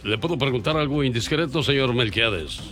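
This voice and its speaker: Teasing radio host, lively voice. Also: male voice, mid-range voice, fairly quick. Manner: teasing, showman-like, mock-serious. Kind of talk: comic radio prank bit. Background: music bed.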